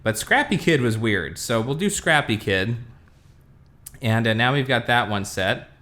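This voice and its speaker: A man hosting a casual tech product review, talking through a demo in a relaxed way with many fillers. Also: mid-range voice, a little slow. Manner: relaxed, lots of fillers, talks while demonstrating.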